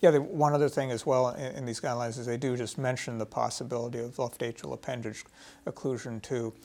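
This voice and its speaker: A man physician on a medical panel, speaking in a measured, matter-of-fact way about treatment choices. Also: mid-range voice, little pitch movement, a little mellow.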